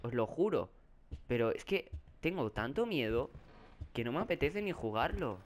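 A man's voice: medium pitch, big pitch swings, moderate pace. Young spanish guy playing a horror game, scared and swearing, bit of hiss in the background. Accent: Spanish from Spain. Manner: jumpy and scared, swearing, shouting in fright. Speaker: gaming YouTuber. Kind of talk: horror game let's play commentary. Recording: faint background noise.

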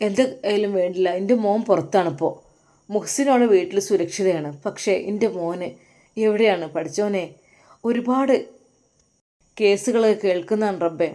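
A woman plays an aging father sick with worry over his son, speaking Malappuram Malayalam in a pleading, prayerful way. The lines come a little lower and softer than the narration. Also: moderate pace, natural voice. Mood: fearful. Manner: pleading, prays aloud to God.

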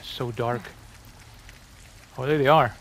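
A man's voice: mid-range voice, steady tone, takes it slowly. Upbeat male gaming host, rambling asides while he plays, faint game noise under him. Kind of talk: casual gameplay commentary.

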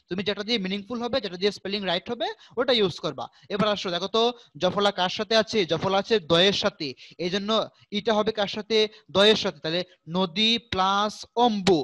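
A man's voice: sits high, a bit bright, dry recording. A young male teacher, giving an online grammar class and quizzing students with repeated questions. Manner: drills students with repeated call-and-response questions.

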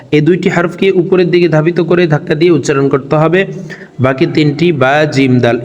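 A man teaching a recitation lesson, explaining pronunciation slowly word by word and drawing out chanted verses. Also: fairly high pitch, darkish tone, in a large hall. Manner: slow, drawn-out chanting of verses between spoken explanations.

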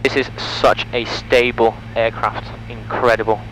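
Medium-pitched and measured, this man in his twenties is flying a small prop plane alone, narrating checklists, remarks, and radio calls as he taxis and flies. The audio is poor, recorded through an aviation headset boom mic, with constant light engine noise in the background.

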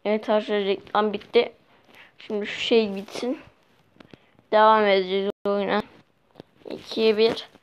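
A woman's voice: medium pitch, flat delivery, moderate pace, pauses often, clear, resonant tone. A young woman giving casual commentary while playing a mobile game, chatty and easily exasperated as she talks to her viewers. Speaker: mobile gameplay vlogger. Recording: dull lo-fi sound with faint noise.

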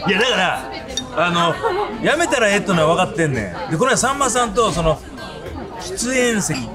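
A man's voice: high-pitched, big pitch swings, a little fast. A middle-aged man with a Kansai accent, chatting casually over drinks in a joking, inquisitive way. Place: outdoor pub table on a street. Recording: busy street crowd, background music.

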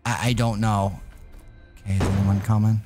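A man hosting a gaming video delivers excited, exclamatory gameplay commentary, addressing his viewers with playful mock alarm. His voice is lowish, his pace moderate, and he's speaking over music.

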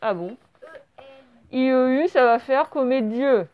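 A woman with a high voice leads a dictation lesson for young pupils. She says each word slowly and clearly, then spells it out syllable by syllable. The recording sounds slightly dull and lo-fi. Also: expressive. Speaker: primary school teacher.

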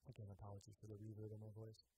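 A cellist chatting casually to viewers on a live stream, relaxed and apologetic with many fillers, his voice run through a reverb effect that sounds like a big hall. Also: fairly low pitch, rapid-fire, a little hiss or hum. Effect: reverb effect on his voice, like a big hall echo. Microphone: plugged into an audio interface input.

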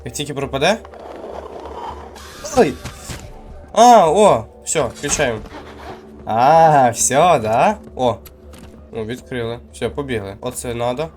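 A Ukrainian man giving excitable, jumpy commentary while he plays a horror game and mutters to himself. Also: medium pitch, slow, pauses often. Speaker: gamer playing a horror game. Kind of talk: live gameplay commentary. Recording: game music playing underneath.

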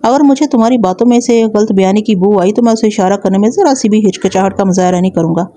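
A hard-nosed male inspector grills a suspect with sarcasm and veiled threats, voiced by a woman reader. The tone is mellow rather than bright, in a plain storybook reading. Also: mid-range voice, natural voice. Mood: stern.

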